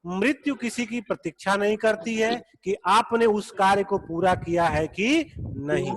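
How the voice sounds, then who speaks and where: A man teaching a Sanskrit class over a video call, explaining slowly and patiently, repeating each point. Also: sits high, a crowd in the background. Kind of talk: online class lecture. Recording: long echoey reverb.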